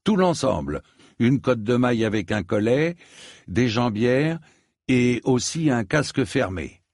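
A man's voice: mid-range voice, sing-song, unhurried, darkish tone, no room sound, studio quality, pitched above the performer's own voice. A man voicing a tall young hedge knight who speaks earnestly and a little hesitantly.

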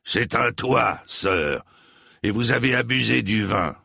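A proud, menacing lord barks his commands in a cold, clipped voice, put on by a man reading aloud. The voice sits well above the reader's low natural tone yet keeps its gravel. The room is dry and close. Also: lively intonation, slow pace, sharp tone, dry recording, heavily acted. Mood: stern. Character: stern proud male lord, scornful and threatening.

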